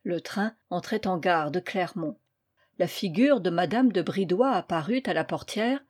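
A woman reading a classic short story aloud as an audiobook narration, measured and expressive. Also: fairly low pitch, slightly rough. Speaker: reader.

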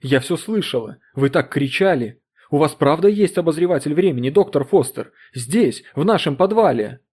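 A man voicing a distraught, grieving middle-aged woman in an audiobook reading, pleading and climbing into shrill cries. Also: expressive, normal speed, a little mellow, slightly rough. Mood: excited. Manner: pleading, rising to shrill screams.

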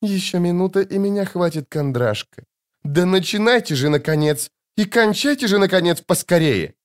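A man's voice: sits high, expressive, fairly quick, pitched above the performer's own voice. A man doing Yennifer, a hissing, impatient sorceress. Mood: exasperated. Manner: hissing, exasperated. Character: sharp-tongued sorceress, adult woman, impatient.

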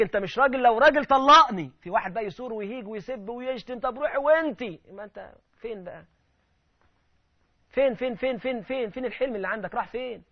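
A man with an Egyptian accent delivers a sermon at a rapid, fervent clip, his voice pitched high. He acts out the people he quotes with sudden loud outbursts. The sound is dull and lo-fi. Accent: Egyptian Arabic. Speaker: preacher.

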